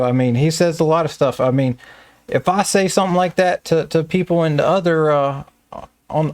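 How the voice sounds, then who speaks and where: A man's voice: mid-range voice, dry recording. A man with a Southern American accent who runs a staffing business, telling stories in a casual, plainspoken interview.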